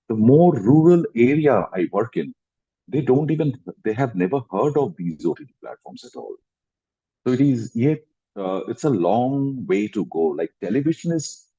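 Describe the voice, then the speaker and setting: A guest actor in his fifties, mellow and slightly husky with an Indian English accent, gives long answers to interview questions, restarting phrases and raising his voice for emphasis. His mid-range voice is sing-song and unhurried, carried over dull, lo-fi video-call audio.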